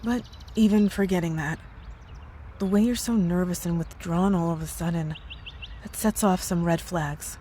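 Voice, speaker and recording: In an ASMR roleplay audio drama, a woman plays a worried, caring married coworker, speaking earnestly and hesitantly with care. Her lowish, warm voice moves at normal speed and sounds close to everyday speech, with slight background noise.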